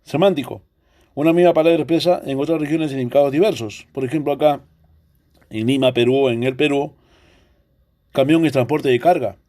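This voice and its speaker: A man's voice: medium pitch, fairly quick, pauses often, mellow. A male teacher with a Peruvian accent explaining a language lesson, asking rhetorical questions along the way. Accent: Peruvian Spanish. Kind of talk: recorded online language lesson.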